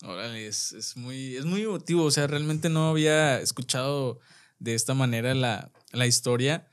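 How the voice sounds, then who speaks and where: A man with a Mexican Spanish accent hosting a podcast, giving brief supportive replies and asking gentle, casual questions. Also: mid-range voice, moderate pace, clean tone. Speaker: podcast host. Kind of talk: casual interview.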